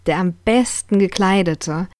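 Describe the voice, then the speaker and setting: A woman's voice: medium pitch, unhurried, a little mellow, no echo, studio quality, voice pushed up, close to an everyday voice. A woman voicing a vain, show-off grown man, talking pompously and drawing out his boasts. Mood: boastful.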